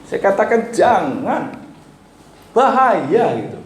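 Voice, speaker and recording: A man preaching a sermon, pleading and emphatic, swinging between loud and soft. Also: sits high, very animated, takes it slowly. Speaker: pastor. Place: church hall. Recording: echoey church hall with faint noise.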